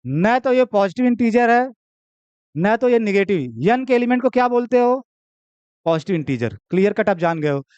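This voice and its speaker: Young maths teacher guy lecturing in hindi, highish clear voice, keeps going "theek hai?". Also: very animated, moderate pace, darkish tone, no echo, highs cut off. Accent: Hindi, Uttar Pradesh. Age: young adult. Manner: chatty, joking asides, keeps asking "theek hai?". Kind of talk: classroom lecture.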